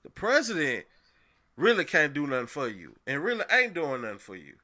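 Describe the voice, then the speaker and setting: A man's voice: a little high, huge pitch swings, brisk, pushed and bright. A man co-hosting a podcast in casual chat, talking emphatically and laughing often. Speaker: podcast co-host.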